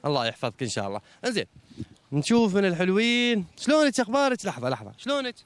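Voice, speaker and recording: A racing, high-sitting male voice belongs to a TV host who moves from a short religious talk to playful, teasing chatter with children in a mosque courtyard. The program is a religious talk paired with an audience quiz.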